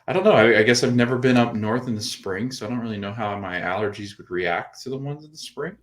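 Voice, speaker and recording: A man's voice: mid-range voice, quick pace. A man hosting a baseball podcast in casual chat, rambling with lots of fillers and restarts. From Florida. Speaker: podcast host.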